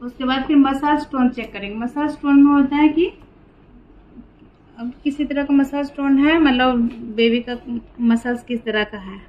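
A nurse demonstrating a medical check, explaining each step plainly and patiently. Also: female voice, high voice, measured pace, reverberant, lo-fi sound.

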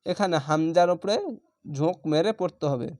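A man teaching Quran reading, spelling out each syllable and then stretching the whole word slowly. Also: on the high side, darkish tone, no echo, clean studio sound. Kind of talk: step-by-step spelling lesson.

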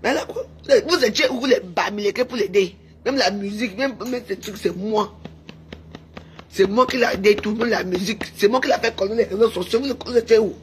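A woman's voice: mid-range voice, brisk, a little hiss or hum. Woman, heated taunting rant, repetitive jabs, raised voice. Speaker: social media personality. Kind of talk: angry insulting rant to camera.

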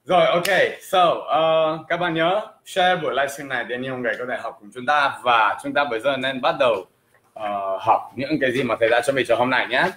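A man teaching English on a livestream, slowly drawing out words so viewers can repeat the pronunciation. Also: mid-range voice, a bit bright. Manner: slow, drawn-out words for drilling pronunciation. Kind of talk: livestream language lesson. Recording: echoey room.

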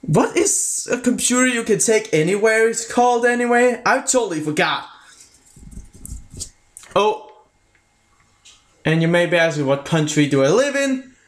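A man talks through a video review in a loose, casual way, stopping and restarting his sentences as he goes. His voice sits high for a man and he speaks slowly. His vowels drift between American and British. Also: expressive. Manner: halting, restarts sentences often; mixes American and British sounds.

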